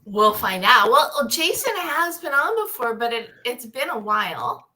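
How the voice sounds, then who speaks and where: A woman's voice: fairly high pitch, very animated, unhurried, sharp tone. A woman hosting a live panel show, chatty and rambling, often interrupting herself as she goes. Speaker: live show and podcast host.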